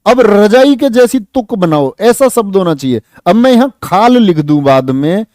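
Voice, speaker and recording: A man teaching an exam-prep class, lively, asking students questions and answering them himself. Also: sits high, normal speed, dry recording. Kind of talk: online exam-prep lesson.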